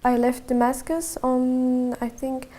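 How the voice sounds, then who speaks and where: A young woman of twenty-one with a Syrian accent tells her story in an interview, slow to find her words and often repeating them. Her voice sits slightly high but stays level, with a gravelly fry and a dark, mellow tone. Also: completely flat delivery. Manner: halting, repeats words, measured and subdued. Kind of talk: personal testimony.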